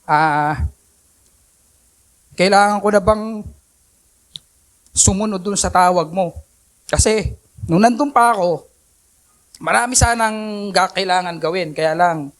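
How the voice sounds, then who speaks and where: A man preaching at a Sunday service, telling his own story of faith in an earnest, storytelling way and acting out his own prayers. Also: high-pitched. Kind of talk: personal testimony sermon. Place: church worship service.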